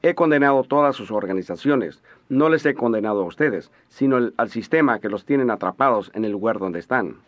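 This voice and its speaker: A man interpreting a sermon in a steady, measured voice-over. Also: medium pitch. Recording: dull lo-fi audio.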